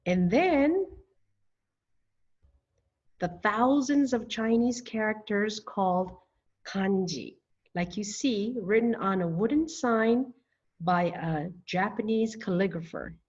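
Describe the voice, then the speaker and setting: A woman teaching a language lesson, speaking slowly and deliberately and spelling out words syllable by syllable. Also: medium pitch, expressive, darkish tone, lo-fi sound. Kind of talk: scripted lesson narration.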